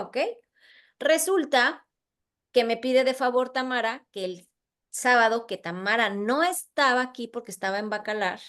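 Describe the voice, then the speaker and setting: High-voiced woman telling a story. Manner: animated, acts out the dialogue. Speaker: course instructor. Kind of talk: lively storytelling in a class.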